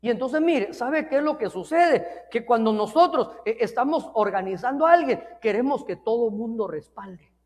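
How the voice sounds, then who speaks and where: A Mexican pastor with a very high-pitched, expressive, slightly mellow voice at normal speed preaches an informal sermon in earnest tones. He repeats himself, often calls listeners brother and adds joking asides. A large hall's long reverb colors the recording.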